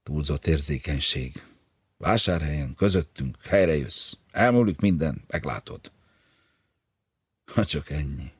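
An urgent, pleading male friend, read by a man in an audiobook. The voice is extremely deep and thickly husky. The recording is dry and close. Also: expressive, no echo, full character voice. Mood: soothing. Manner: urgent, imploring. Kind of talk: audiobook reading.

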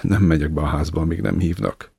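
Egy férfi, aki egy szigorú, kérlelhetetlen öregasszonyt szólaltat meg mogorva, kurta mondatokkal. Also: male voice, rumbling low, animated, vocal fry, mellow, breathy edge, no echo, voice pushed down, exaggerated voice. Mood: brooding. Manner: curt, harsh, grumbling. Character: stern, unforgiving old woman, a hard mother-in-law.

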